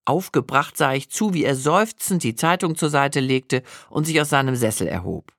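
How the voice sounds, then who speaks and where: A woman in her sixties narrating her own memoir with reflective, expressive storytelling. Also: rumbling low, moderate pace, dry recording, clean studio sound. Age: 60s.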